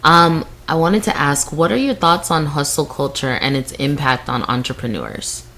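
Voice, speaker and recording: A woman podcast host asking relaxed questions and sharing her own experience in a casual interview. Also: deep voice, moderate pace.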